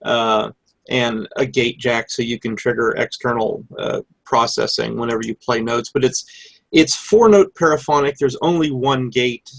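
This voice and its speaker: A man's voice: medium pitch, moderate pace, vocal fry, dry recording, rough recording. A man giving an informal technical show-and-tell as an electronics presenter. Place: live online hangout with screen share.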